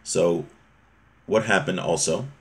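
In a small room in a home, a religious teacher leads an informal lesson, reading and explaining and frequently putting his points another way. He's a man of roughly thirty to forty-something whose deep voice moves at a slow pace.

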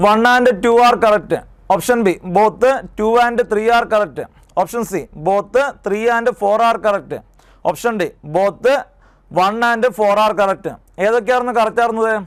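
High, clear-voiced man drilling exam terms. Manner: drills terms by asking and repeating them. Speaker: exam coaching teacher. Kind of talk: exam prep lesson.

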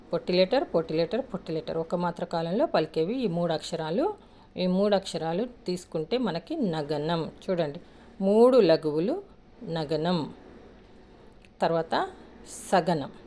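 A woman's voice: lowish voice, mellow, slight background noise. A woman teaching a lesson step by step, patiently counting syllables aloud and asking questions she then answers herself.

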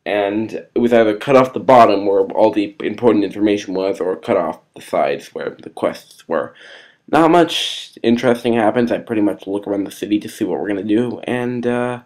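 Playing a game on camera, a man with a low, gravelly, darkish voice offers loose, unscripted commentary. He rambles and hesitates a lot, plugging the pauses with ums and uhs.

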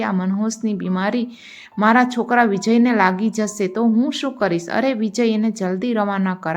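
A woman with a Gujarati accent narrating moral stories, reading every part herself and addressing listeners as friends. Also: mid-range voice. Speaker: storyteller.

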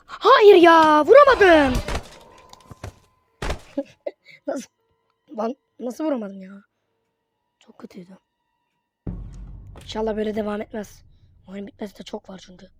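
A woman giving casual commentary while playing a horror game, excitable and quick to get frustrated. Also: mid-range voice. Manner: excitable, bursts into frustrated yelps. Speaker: gamer.

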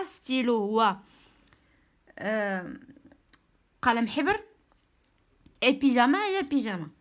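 A woman with a Moroccan accent giving an online French reading lesson, slowly spelling out sounds and explaining in Darija. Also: fairly high pitch. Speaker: French teacher.

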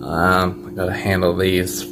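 A man chatting casually to his phone outdoors in a backyard as he vlogs, halting, grumbling and swearing as he goes. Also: low voice, flat delivery. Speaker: vlogger. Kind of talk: casual first-person outdoor vlog chat, muttering to camera. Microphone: handheld phone held by the speaker. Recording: noisy handheld outdoor phone recording.

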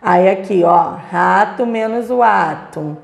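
A woman's voice: medium pitch, takes it slowly, creaky. A woman teacher with a Brazilian Portuguese accent, patiently spelling out syllables for young pupils in a recorded lesson. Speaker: primary school teacher. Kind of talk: recorded remote class lesson. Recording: echoey room.

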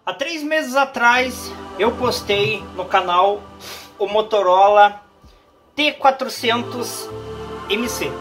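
A man's voice: high-pitched, slow, fairly bright tone. Brazilian man reviewing gear, music behind. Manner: hesitant, repeats phrases for emphasis. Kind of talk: casual product review to camera. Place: small home office room indoors.

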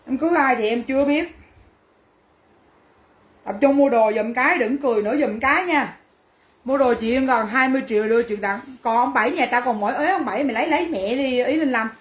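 A woman's voice: high voice, brisk, roomy sound. A woman selling clothes on a livestream, brash and teasing as she banters with viewers. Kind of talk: livestream sales chat.

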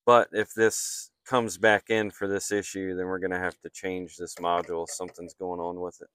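A man's voice: low-pitched, little pitch movement, moderate pace, fairly bright tone, clear, resonant tone, no room sound, studio quality. A man working as an HVAC technician, explaining a repair step by step in a matter-of-fact way while he works outdoors on a rooftop, filmed on a handheld phone. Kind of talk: hands-on repair walkthrough. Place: outdoors on a flat commercial rooftop.

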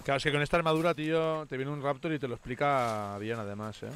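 A man with a Spain Spanish accent streaming a survival game with friends, often yelling in panic and cursing. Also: mid-range voice, steady tone, fast, noisy background. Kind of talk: live gaming chat with friends.

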